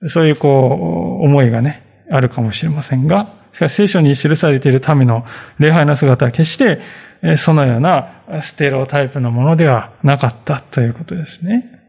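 Husky-voiced man preaching, high and lively. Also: normal speed. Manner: conversational preaching with frequent fillers and asides. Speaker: pastor. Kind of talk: sermon with scripture reading.

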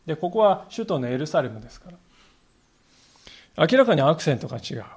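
A man's voice: fairly high pitch, sing-song, fairly quick, slightly rough. A male pastor giving a sermon in a conversational storytelling way, acting out the quoted lines.

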